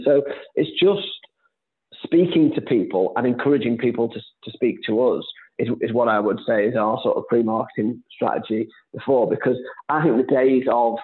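A man, an estate agent, chatting as a podcast guest in a rambling, conversational way. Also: medium pitch. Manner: chatty, rambling, with frequent fillers and restarts. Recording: phone-like remote call audio.

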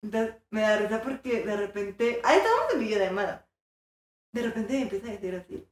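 A young woman with a Mexican accent, an animated storyteller who acts out the voices in her story. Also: mid-range voice, a little fast, very echoey. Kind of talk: casual chat.

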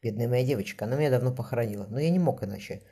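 A man's voice: mid-range voice, rapid-fire, mellow, husky. A man voicing a strong, devoted man speaking tenderly to his beloved in an audiobook.

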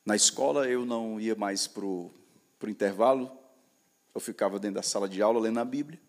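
A man with a Brazilian Portuguese accent preaching to young people, using repetitive call-and-response and swinging from loud declarations to soft storytelling. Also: fairly low pitch, brisk. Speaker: preacher at a youth gathering. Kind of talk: sermon.

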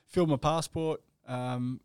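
A man's voice: fairly high pitch, steady tone, measured pace, darkish tone, clean tone, dry recording. An Australian man in his thirties, telling his own story casually in a laconic, matter-of-fact way. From Australia, Western Sydney and the Gold Coast. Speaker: podcast guest, endurance athlete.

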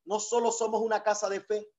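A man's voice: high-pitched, level tone, fairly quick, dark tone, lo-fi sound. A male pastor preaching a sermon, leading call-and-response and repeating key phrases for emphasis.

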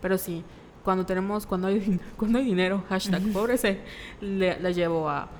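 A young woman with a Mexican accent chatting casually, acting out quoted lines from her mother in animated bits. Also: mid-range voice, moderate pace, a little hiss or hum. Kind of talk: casual chat. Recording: long reverb, faint background ambience.

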